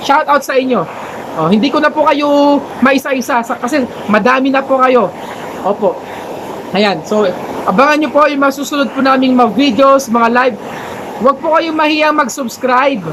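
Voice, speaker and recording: An earnest man telling a faith story in a casual motivational vlog. His voice sits high for a man and stays polite and gently preachy. Faint background noise runs under his talk. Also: normal speed. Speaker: motivational vlogger.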